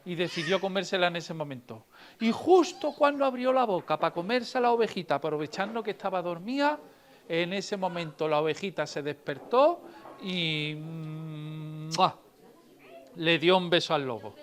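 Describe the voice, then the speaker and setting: A woman storyteller reading and telling tales to children in a library, lively and asking them questions. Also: lowish voice, moderate pace.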